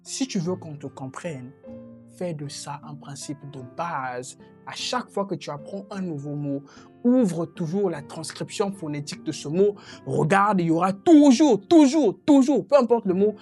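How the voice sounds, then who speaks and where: Low-voiced woman teaching English pronunciation. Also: darkish tone. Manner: direct, encouraging, addresses viewer as tu. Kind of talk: online English lesson.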